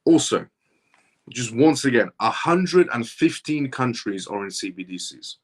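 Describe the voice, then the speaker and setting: Speaking unhurriedly, the man has an expressive mid-range voice with a slightly rough edge. On his live stream this thirty-something host reads out viewer comments and answers them, hammering his points home repetitively and insistently.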